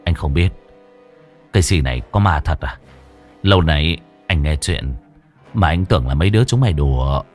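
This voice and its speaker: A man voicing a taxi driver neighbor who speaks low and measured, doubting ghost tales. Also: animated, soft background music. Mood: doubtful.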